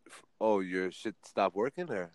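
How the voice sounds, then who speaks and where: A man's voice: low voice, normal speed, a little mellow, dry recording, poor audio. A man in his forties hosting a casual podcast chat, laid-back and teasing, laughing often. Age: 40s.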